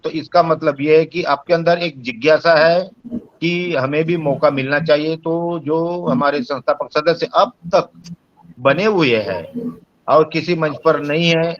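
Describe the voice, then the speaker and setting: A man's voice: a little high, a bit bright, no echo, highs cut off. A man from the core team giving polite, formal closing remarks in an online meeting.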